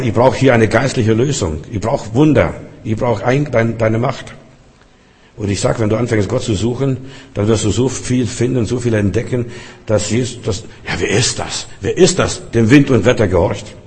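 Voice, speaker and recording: A man preaching a sermon, repeating refrains and swinging between loud and soft. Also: mid-range voice. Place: Berlin Cathedral. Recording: long reverb of a large church.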